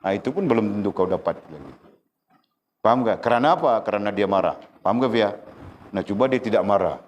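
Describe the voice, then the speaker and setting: A man giving a religious lecture, animated and often checking his listeners with quick rhetorical questions. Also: on the low side, slight background noise. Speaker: religious teacher.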